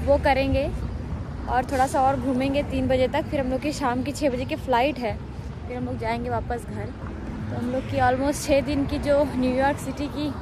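A young woman filming a casual travel vlog on a phone at arm's length, chatting to viewers about her plans and giving tips. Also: high-pitched. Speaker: travel vlogger. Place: outdoors in a park and on city streets. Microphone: phone held at arm's length. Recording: outdoor street noise.

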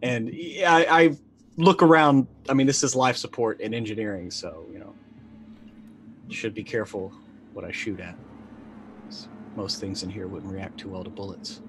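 With faint music and some noise behind him, a middle-aged man speaks in a lowish voice at normal speed. He's casually improvising in a role-playing game, thinking aloud about what his character should do.

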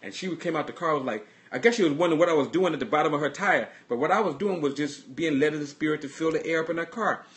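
A man pastor giving a livestreamed sermon, earnestly telling personal stories and often restarting his sentences. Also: a little high. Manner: halting, restarts and repeats words; earnest storytelling.

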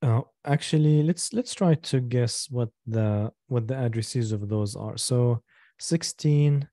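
Patient man teaching in a dark voice. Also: medium pitch, no room sound, studio quality. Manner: patient, repeats and slows down to explain step by step; asks the class for checks and questions. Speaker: instructor. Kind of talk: live online lecture.

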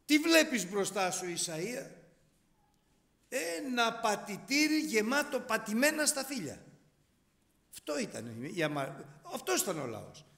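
Animated male preacher in an echoing church. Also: very high voice, creaky. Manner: animated, asks rhetorical questions, repeats phrases. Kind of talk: sermon.

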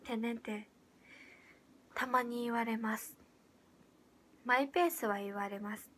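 A teenage girl auditioning for an idol group, chatting casually on a livestream and reading out viewer comments in a soft, hesitant way full of fillers. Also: fairly high pitch, measured pace. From Japan.

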